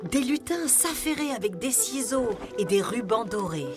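A woman narrating a children's story in a gentle, expressive way. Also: a little high, moderate pace. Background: music.

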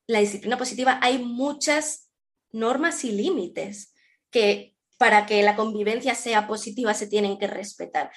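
A woman parenting coach, explaining calmly in conversation with the host. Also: fairly high pitch. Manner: explanatory, reassuring tag questions.

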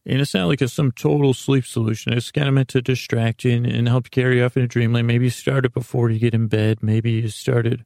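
In a rambling bedtime podcast monologue, a male host speaks in a soothing, lulling way, meandering, halting and fumbling his words. His mid-range voice is level, gravelly and mellow, captured at studio quality with no echo.

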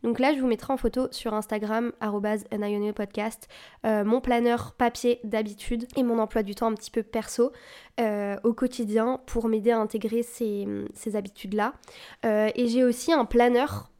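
A woman's voice: on the high side, fairly even intonation, normal speed, dark tone. Chatty young woman podcasting at home. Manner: chatty, loose, with many fillers and English buzzwords; self-described anxious, encouraging tone. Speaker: podcast host. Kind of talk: casual solo podcast chat. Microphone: desk mic on a boom arm.

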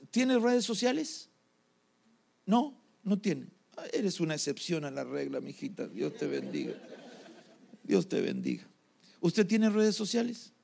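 Pastor, high and gravelly, unhurried storytelling sermon. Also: male voice. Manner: storytelling, addresses the congregation.

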